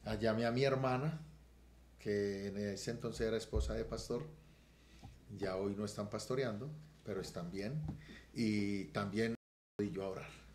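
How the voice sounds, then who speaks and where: A middle-aged man, a pastor giving an earnest testimony on a podcast that swells loud and emotional. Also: lowish voice, reverberant, a little hiss or hum. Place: podcast studio room.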